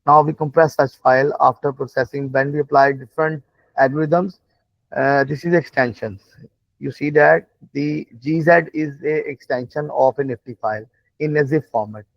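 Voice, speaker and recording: A man who is a non-native English speaker, instructing a live online class in a halting, repetitive way, often checking that listeners follow. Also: medium pitch, steady tone, vocal fry, no room sound. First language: not English. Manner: halting, repetitive explaining with frequent check-in questions. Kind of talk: live online lesson, explaining while demonstrating on screen. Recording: dull, lo-fi online call audio.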